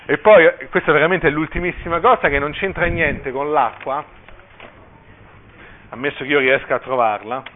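Un uomo che legge ad alta voce un brano di romanzo con espressività, con qualche breve commento. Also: male voice, on the high side, normal speed, slight background noise. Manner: expressive reading with brief asides. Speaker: reader at a cultural event. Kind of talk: reading a novel excerpt aloud. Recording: tinny phone-like line.

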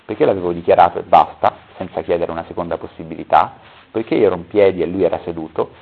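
A man's voice: low-pitched, steady tone, quick pace, gravelly, slightly rough. A man reading a story aloud at a public talk, stopping now and then to correct his own misreadings. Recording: tinny phone-like recording.

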